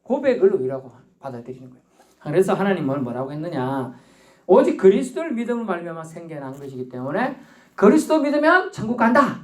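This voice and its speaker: A male pastor delivering a lively church sermon, his pitch climbing and dropping as he plays out small everyday scenes. He laughs now and then and calls for amens from the congregation. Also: fast. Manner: animated preaching, acts out little scenes with laughter. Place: church sanctuary.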